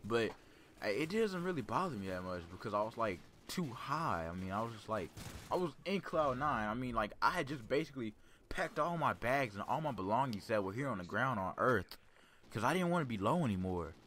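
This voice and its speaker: A young man telling a personal story in a casual, rambling way, with a calm, laid-back, serious delivery. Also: mid-range voice, fairly quick, a little hiss or hum.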